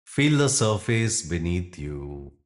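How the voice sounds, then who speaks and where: Leading a guided meditation as a yoga nidra teacher, a man with a deep voice offers gentle, short-phrased instructions at a very slow pace. His pitch swings widely, and long pauses separate his words.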